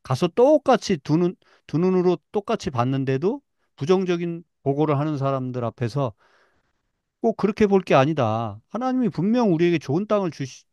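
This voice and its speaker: A middle-aged man teaching a Bible class, retelling scripture in a lively way and acting out the people's complaints. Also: a little high, no echo.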